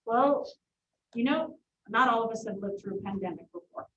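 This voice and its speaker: A woman district administrator explains policy in a measured, reassuring way. She is heard from a distance in a roomy meeting hall. The audio is dull and boxy. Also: fairly high pitch, animated, a little hiss or hum. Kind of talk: board meeting remarks. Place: board meeting room.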